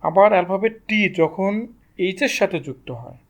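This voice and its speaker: A man's voice: high voice, a little fast, a little mellow. A man teaching English pronunciation to students, asking questions and answering them himself. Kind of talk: explaining lesson to students.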